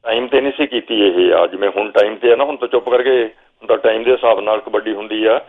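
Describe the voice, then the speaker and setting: An older Punjabi man, a guest telling a long story from memory at an unhurried pace, now and then quoting what he told the players. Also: on the low side. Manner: slow reminiscing storyteller, quotes himself calling instructions. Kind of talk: storytelling interview. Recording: phone-like narrow sound.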